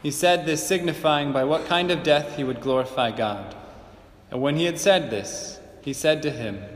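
A priest proclaiming the gospel and preaching a homily in a measured, earnest way, his voice carrying a cathedral echo. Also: fairly high pitch. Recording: echoey church with long reverb, faint hiss.

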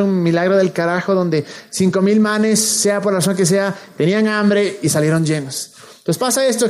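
A man preaching a casual, slang-filled sermon, retelling a Bible story with lively acted-out quotes. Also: sits high. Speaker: youth pastor.

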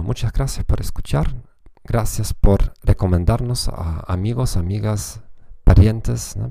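A German man whose first language is German hosts a casual solo language podcast as a teacher, chatting in a relaxed way. His fairly low voice is gravelly with vocal fry and a mellow, dark tone. He often restarts and keeps tossing in little "¿no?" tags to check in.

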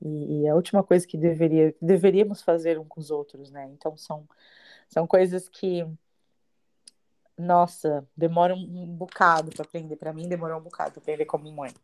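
Low, mellow-voiced mother chatting. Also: steady tone, a little fast. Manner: agreeable, warm affirmations, earnest reflections as a mother. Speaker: podcast co-host. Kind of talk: casual chat.

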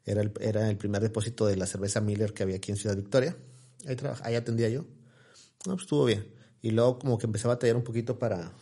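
A man's voice: on the low side, fairly even intonation, very fast, dark tone, slightly rough. A man, chatting as an interview guest and telling rambling stories full of fillers and restarts. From Mexico, Tamaulipas. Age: 40s. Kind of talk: casual interview chat.

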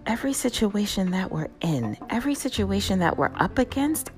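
A woman hosting a casual motivational talk, conversational and lively, often checking in with "right?". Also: mid-range voice, brisk, faint music behind. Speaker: host.

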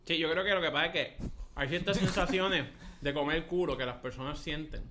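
A man's voice: on the high side, fairly quick, noisy background. A man with a Puerto Rican accent telling a story in casual, profane chat, slipping English words into his Spanish.

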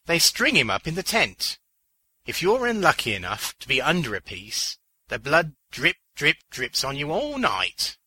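A man voicing a sardonic, resourceful male clown with a dry, deadpan delivery. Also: on the high side, a little slow, slightly rough, no room sound, pitched above the performer's own voice, full character voice. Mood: wry.

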